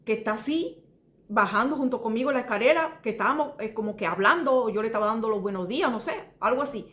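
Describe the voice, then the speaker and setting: Earnest Cuban woman testifying, roomy sound. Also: high-pitched. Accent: Cuban Spanish. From Cuba. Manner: earnest, rambling, restarts and repeats details, addresses listener as brother. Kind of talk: personal testimony. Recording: roomy echo.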